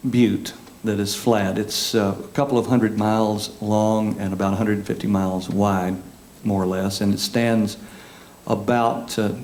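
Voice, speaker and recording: A man's voice: lowish voice, a little mellow. A man from West Texas with a West Texas twang, telling casual stories between songs in a folksy, dryly humorous way. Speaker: singer-songwriter. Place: live performance space. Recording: roomy live concert recording with music.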